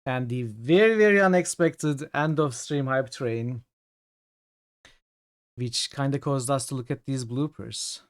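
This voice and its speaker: A man's voice: mid-range voice, unhurried. A man chatting casually on a live game stream in a friendly way. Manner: friendly, thanking viewers.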